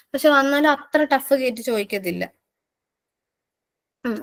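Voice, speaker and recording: Woman, high voice, Malayali accent, exam-prep teacher, patient, repeats words, asks questions. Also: a bit bright. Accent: Malayali English. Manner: explains slowly, repeating words and asking students questions. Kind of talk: online exam-prep lesson.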